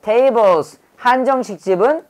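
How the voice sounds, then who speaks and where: Lively woman drilling English vocabulary. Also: on the high side, slow pace. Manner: lively, drills learners with call-and-repeat prompts. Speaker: English teacher.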